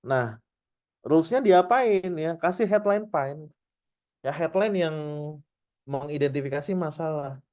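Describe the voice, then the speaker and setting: A man's voice: on the high side, lively intonation, a little slow, long pauses, a little mellow. A man in his thirties teaching a casual online marketing class, chatty, often tagging his points with little checks and acting out short example dialogues. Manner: frequent "ya" tags, addresses "teman-teman". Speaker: digital marketing trainer.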